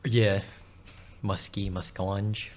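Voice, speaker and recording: A man's voice: lowish voice, slow, slight background noise. A man co-hosting a podcast, chatting casually and laughing often as he tells stories. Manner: laughs often, animated storytelling. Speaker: podcast co-host. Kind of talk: casual chat.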